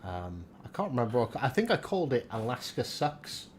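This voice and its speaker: A man's voice: mid-range voice, big pitch swings, brisk, a little hiss or hum. A man in his thirties with a Welsh valleys accent, chatting casually and jokily on a gaming livestream, swearing freely. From South Wales valleys. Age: 30s. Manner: sweary, jokey. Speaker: live streamer and gaming video maker. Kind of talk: casual banter and game advice on a livestream.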